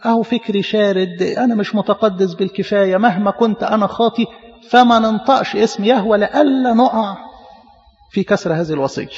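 A man with an Egyptian Arabic accent preaches at a quick clip, his voice high and gravelly. He explains with emphasis and stumbles on repeated syllables. The recording is muffled and carries a long hall echo. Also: a little mellow. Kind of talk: sermon teaching.

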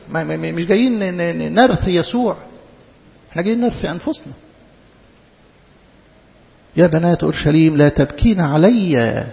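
A man's voice: on the high side, creaky. A man with an Egyptian Arabic accent preaching a sermon in an impassioned, rhetorical way, firing questions at his listeners. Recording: echoey hall, dull lo-fi sound.

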